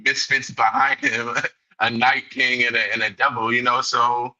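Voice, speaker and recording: A man's voice: mid-range voice, big pitch swings, moderate pace, sharp tone. A man co-hosting a podcast, rambling easily through anime talk. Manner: easygoing, rambling with "you know" fillers. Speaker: podcast co-host. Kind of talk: casual anime chat. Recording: dull lo-fi mic.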